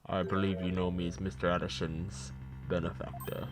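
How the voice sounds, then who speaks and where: A shadowy male schemer calls on the phone, his voice pushed very low by a pitch-shifting voice changer, as a man voices him. He speaks calmly and formally with a cool menace. Soft music plays faintly underneath. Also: normal speed. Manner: calm, formal, coolly menacing. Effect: deep pitch-shifting voice changer. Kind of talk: let's play voice acting of game text.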